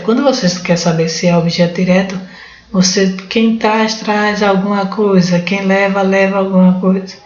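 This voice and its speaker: A Brazilian woman teaches exam-prep Portuguese, working through questions in a spoken lesson. She thinks aloud informally and restarts often, her mid-range voice a little mellow. The recording is roomy, dull and lo-fi.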